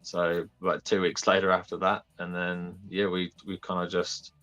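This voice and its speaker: A young man with a New Zealand accent chatting casually and haltingly as a laid-back podcast guest. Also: sits low, monotone, a bit bright, highs cut off. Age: young adult. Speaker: podcast guest, toy fair organiser. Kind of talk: casual chat.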